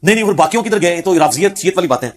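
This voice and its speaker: A man giving a religious lecture on hadith, telling the stories vividly and acting out the quoted speech. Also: high voice. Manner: animated storyteller who acts out quoted speech. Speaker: Islamic preacher.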